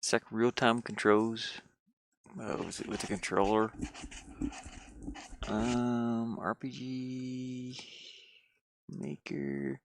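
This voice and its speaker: Very slowly and with frequent pauses, a man muses aloud on his livestream from inside his van, where he lives while gaming and developing games as a hobby. The mid-range voice is creaky and level in tone. His casual, folksy chatter wanders and drifts into muttering, over a little hiss or hum.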